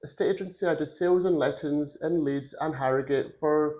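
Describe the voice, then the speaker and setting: A man's voice: on the high side, fairly quick, a little mellow. A man in his forties, originally from Glasgow, talks through his career as a podcast guest in a rambling, earnest storytelling way. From Glasgow, Scotland. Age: 40s. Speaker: podcast guest, recruitment firm founder. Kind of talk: casual career interview.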